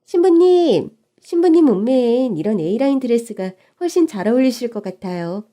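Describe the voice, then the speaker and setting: Brief: perky high-pitched bridal shop clerk, eager to please, mellow tone, put on by a woman narrator. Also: very animated, moderate pace. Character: polite chirpy young female bridal shop clerk.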